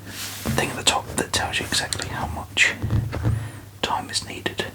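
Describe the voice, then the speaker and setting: A person whispering an ASMR review very softly, with tingly mouth sounds and halting, unhurried phrasing. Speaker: ASMR video host.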